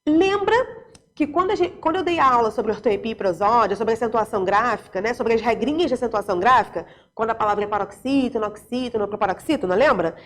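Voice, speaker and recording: A woman teaching a recorded school Portuguese lesson with a Brazilian accent, explaining in a lively way and asking rhetorical questions. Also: fairly high pitch, quick pace.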